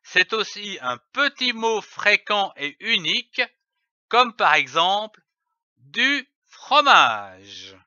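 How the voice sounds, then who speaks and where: Male phonics teacher, slow and careful, bright lively voice, dry lo-fi voice-over. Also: high voice, dry recording. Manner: spells out letters and syllables carefully. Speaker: reading teacher. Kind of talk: slow, deliberate phonics lesson.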